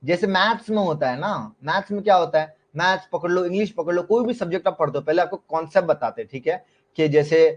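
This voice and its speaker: A man's voice: sits high, fast, lo-fi sound. Indian man teaching a live online class. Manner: explains in Hindi mixed with English terms, questions students often. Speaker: shorthand teacher.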